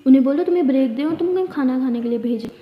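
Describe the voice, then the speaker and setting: Woman playing strict scolding mom, sharp and reproachful, high voice, roomy lo-fi sound. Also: rapid-fire, lightly acted. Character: strict middle-aged mother, scolding. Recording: echoey dull lo-fi room recording.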